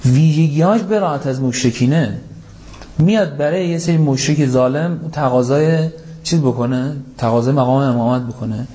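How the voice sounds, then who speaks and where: A man's voice: fairly high pitch, mellow. A man giving a Quran commentary sermon, asking rhetorical questions and reciting Arabic verses, stressing key points with an emphatic rise. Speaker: religious lecturer.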